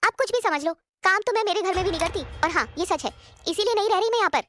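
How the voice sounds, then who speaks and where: A woman's voice: very high-pitched, fast, a bit bright, faint music behind. A woman voicing a lazy, spoiled rich young woman who talks down to her family. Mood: defiant. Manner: dismissive, rude.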